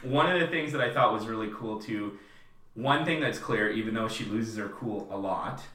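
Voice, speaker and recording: Man, podcast host, bright tone, roomy sound a bit off-mic, joking, laughs easily. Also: on the low side, normal speed, far from the mic. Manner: jokey, laughs often. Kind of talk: casual chat.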